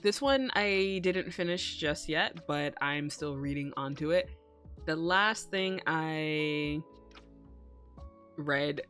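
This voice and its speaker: Female streamer, bubbly and cute yet on the lower side in pitch, loose sweary chat, music underneath. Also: fairly bright tone. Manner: casually sweary. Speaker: streamer hosting a live stream. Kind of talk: casual live-stream chat to viewers.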